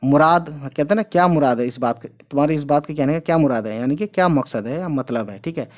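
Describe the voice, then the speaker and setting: A man giving a casual spoken language lesson. He spells out letters slowly, repeats each word and often adds short check-ins. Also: on the high side, a little mellow. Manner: explains slowly, spells out letters, repeats words, fills with "theek hai". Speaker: language teacher.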